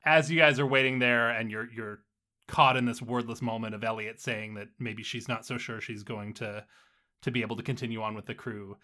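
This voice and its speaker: A man runs a tabletop role-playing game, narrating scenes at an easy pace. His voice is bright and forward, and he often repeats words mid-sentence. His pitch sits in the middle range for a man. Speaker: game master.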